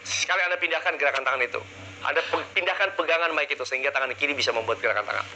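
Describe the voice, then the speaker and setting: A man's voice: on the high side, very fast, sharp tone, lo-fi sound, slight background noise. A man leading a live public speaking seminar, energetically drilling the audience with call-and-response questions into a handheld mic. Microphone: handheld microphone.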